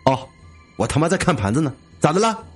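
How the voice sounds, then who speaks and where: A man's voice: on the high side, sing-song, fairly quick, breathy edge, faint music behind, voice pushed up. A man voicing a brash, foul-mouthed male student who mocks bluntly. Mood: mocking. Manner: mocking and blunt.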